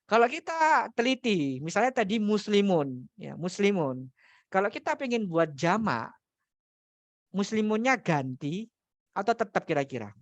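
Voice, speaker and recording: A man's voice: sits high, big pitch swings, a little slow, pauses often, no room sound. A man teaching Arabic grammar in a study class, explaining step by step, repeating key terms and asking questions for his students. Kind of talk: religious study class lecture.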